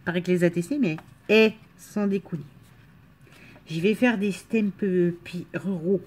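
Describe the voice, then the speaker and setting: Woman, from the Marne, slight northern French accent, lowish pitch, casual unboxing chat, enthusiastic, fillers. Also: unhurried, a little mellow, husky. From Marne, France. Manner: chatty, enthusiastic, laughs often, many fillers. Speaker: crafting vlogger.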